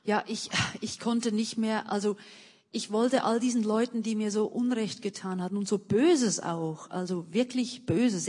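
A woman's voice: medium pitch, dark tone, husky, long reverb tail. A woman being interviewed, telling her own story earnestly with many restarts. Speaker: missionary and author, interview guest.

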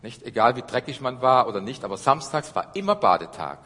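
German pastor preaching in a reverberant hall. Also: male voice, sing-song, brisk. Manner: earnest preaching, swings between loud emphasis and hushed low passages. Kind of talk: sermon. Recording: long church-hall reverb.

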